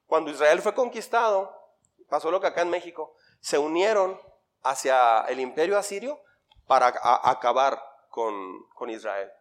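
Mexican pastor guy, middle aged, kinda high voice, quizzing the church and answering himself, loud then quiet. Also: expressive, moderate pace. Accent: Mexican Spanish. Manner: swings between loud emphasis and quiet asides. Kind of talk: interactive Bible teaching sermon.

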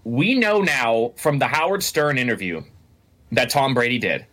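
A man co-hosting a casual sports podcast, talking in an animated, rambling way with lots of restarts and the odd curse. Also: medium pitch, normal speed. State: has the hiccups. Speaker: podcast co-host.

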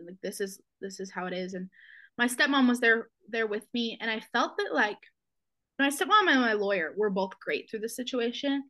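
Young woman guest on a podcast, emotional and halting, lots of um and like, near tears, mid pitch. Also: bright, forceful tone. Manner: emotional, halting, many fillers and restarts. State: close to tears. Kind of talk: personal storytelling.

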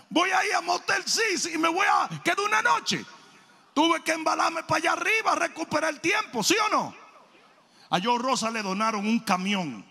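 A man preaching a sermon, telling stories animatedly, shouting for emphasis and repeating phrases. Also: extremely high pitch, normal speed, vocal fry, pauses often. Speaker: pastor. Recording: long reverb of a large hall.

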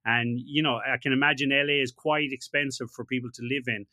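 A man's voice: medium pitch, steady tone, a little fast, bright, forceful tone, no echo, clean studio sound. A man hosting a casual interview, thinking aloud and ending points with tag questions. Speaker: podcast host.

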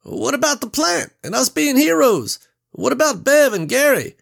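A man voicing a nervous young male plant worker with a jittery, high-pitched manner. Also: big pitch swings, normal speed, vocal fry, a bit bright, slightly rough, exaggerated voice. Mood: panicked.

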